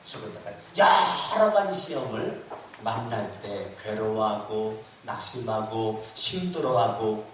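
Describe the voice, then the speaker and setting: A male pastor with a medium-pitched voice preaches in a church hall, repeating points emphatically and throwing rhetorical questions at the congregation. The echoey hall was recorded from a distance, with slight background noise.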